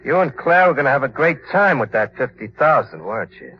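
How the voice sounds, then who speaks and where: An actor playing a vengeful, unhinged ex-convict who was thought dead, menacing and gloating, in 1940s radio acting on a dull lo-fi old broadcast. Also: male voice, medium pitch, expressive, a little fast, slight background noise, natural voice. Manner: menacing, gloating, cackling laughter.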